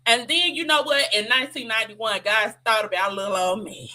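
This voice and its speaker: Lively woman author in her thirties. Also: fairly high pitch, a little fast, poor audio. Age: 30s. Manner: animated storyteller, laughs often, acts out quotes. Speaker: author guest. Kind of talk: casual interview chat.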